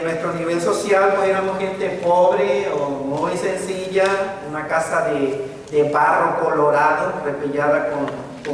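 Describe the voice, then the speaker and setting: A man in his fifties, from Mexico, speaks as a pastor sharing his testimony in a fairly high voice. His talk is loose and conversational, with many fillers and restarts. The sound carries a long reverb, recorded from a distance in a large hall. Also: slight background noise. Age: 50s. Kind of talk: testimony sermon. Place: church sanctuary. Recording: echoey hall, mic at a distance.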